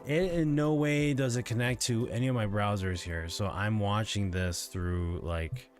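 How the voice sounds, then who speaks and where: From his gaming setup at home, a drowsy streamer yawns and chats with viewers in a rambling, filler-heavy way. He speaks at a measured pace in a lowish voice, with faint music in the background.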